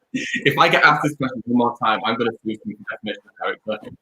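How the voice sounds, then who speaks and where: Young dj guest, rapid bright delivery, echoey room on a video call. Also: male voice, mid-range voice. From Leeds, England. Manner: chatty, upbeat, rambling. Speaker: DJ and music producer guest. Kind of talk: casual interview chat.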